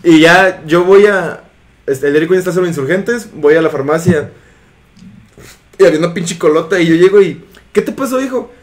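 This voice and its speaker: High-voiced young Mexican man telling a story. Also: moderate pace. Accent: Mexican Spanish. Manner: slangy, laughing, acts out the people in his story. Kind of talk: casual storytelling among friends.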